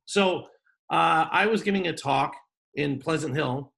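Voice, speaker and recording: A man's voice: fairly high pitch, unhurried, creaky, a bit bright. A man hosting an online business workshop over a video call, talking in a joking, off-the-cuff way. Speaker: workshop host.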